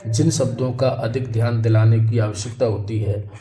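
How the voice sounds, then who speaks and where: A man's voice: mid-range voice, steady tone, normal speed, mellow, roomy sound. A male teacher giving a patient, step-by-step grammar lesson and checking in with "okay" between points. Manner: patient, explains step by step, often says "ठीक है" between points.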